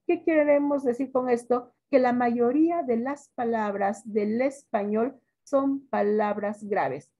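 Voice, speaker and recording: A woman teacher with a Mexican accent, giving a classroom lesson, stretching words out slowly and quizzing her students. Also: a little high, mellow, highs cut off.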